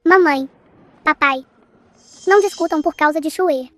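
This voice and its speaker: Uma atriz de dublagem com sotaque brasileiro dando voz a uma jovem filha gravemente doente, doce e frágil, que implora e fala de si pelo próprio nome. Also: female voice, high-pitched, a little slow, a bit bright, no echo, soft background music. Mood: pleading. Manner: pleading, speaks of herself by name. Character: gravely ill young daughter, sweet, frail. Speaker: dubbing actress.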